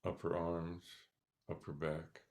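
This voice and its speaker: A man leading a guided meditation, speaking softly and calmly with long pauses between short instructions. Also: deep voice. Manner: slow, calm, soft-spoken instructions with pauses. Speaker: meditation teacher.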